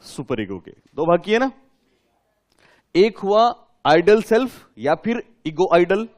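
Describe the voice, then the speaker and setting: High-voiced male teacher drilling his class. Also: darkish tone. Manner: call-and-response questions to students, repeating key terms. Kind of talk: classroom lecture.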